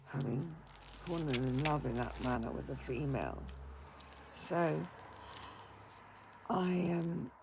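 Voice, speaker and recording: In her casual home vlog, an older woman takes deep breaths before speaking, her words coming slow and hesitant. Her voice is husky, croaky and tired, roughened by gravel, and a constant hiss sits beneath it.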